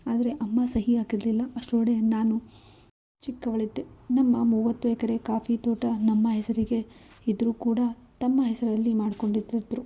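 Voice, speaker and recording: A woman's voice: a little high, flat delivery, moderate pace, mellow, breathy edge. A woman voicing a hurt young wife. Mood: hurt, earnest. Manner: pleading, earnest storytelling.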